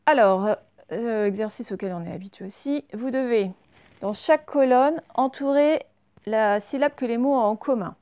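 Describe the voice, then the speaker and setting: Une enseignante qui fait une leçon d'orthographe pour enfants, lente et patiente, qui répète chaque mot deux fois. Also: female voice, a little high, clear, resonant tone, highs cut off. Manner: slow, patient, repeats each word twice. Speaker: teacher. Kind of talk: spelling lesson read to children.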